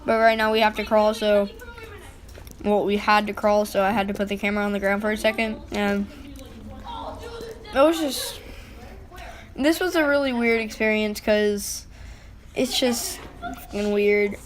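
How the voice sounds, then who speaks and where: Casting: female-sounding vlogger, informal rambling voice-over, medium pitch, conversational and unpolished, swears lightly. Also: fairly even intonation, normal speed, a little hiss or hum. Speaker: vlog narrator. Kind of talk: casual voice-over commentary on exploration footage.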